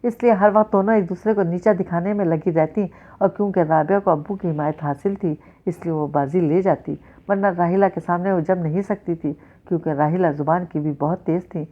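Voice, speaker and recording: A woman's voice: on the low side, fairly even intonation, hardly any pauses. A woman reading an episode of a novel aloud, narrating and speaking the characters' lines in a mostly plain voice. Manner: reads all characters' dialogue in a mostly plain voice, with small restarts. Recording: dull lo-fi recording.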